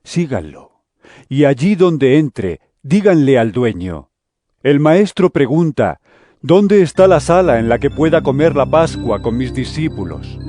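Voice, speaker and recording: A man playing Jesus as a solemn, deliberate teacher in a scripture audio drama. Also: mid-range voice, sing-song, warm tone, no echo, faint music behind. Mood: calm instruction. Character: Jesus, solemn adult male teacher warning and instructing disciples.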